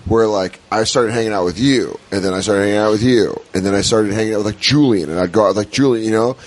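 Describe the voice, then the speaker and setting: A man's voice: fairly low pitch, quick pace. A male podcast host in casual comedy chat, making his point firmly and repeating it. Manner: emphatic, repeats opinions.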